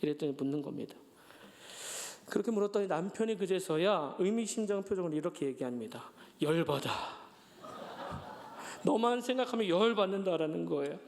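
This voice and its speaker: A male pastor with a notably high voice preaches to his congregation. He tells everyday stories and acts out the lines of the people in them, with light humor along the way. It sounds like a church sermon. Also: lively intonation, fast talker, creaky. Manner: storytelling with acted-out quotes and gentle humor. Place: church sanctuary.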